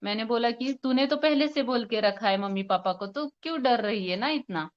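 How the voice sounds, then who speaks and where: Speaking fairly quickly on a recording with the highs cut off, a woman homeopath with a smooth, higher voice presents a case to a forum. She quotes both sides of a patient consultation, hesitating with fillers as she retells it.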